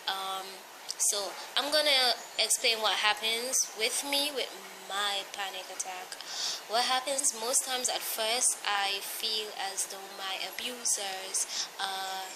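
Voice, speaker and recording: Woman, mid-pitched, anxious and tired, hesitant confessional vlog delivery, clearly noisy amateur recording. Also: takes it slowly. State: tired from lack of sleep. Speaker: personal vlogger. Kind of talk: candid confessional vlog, talking to viewers.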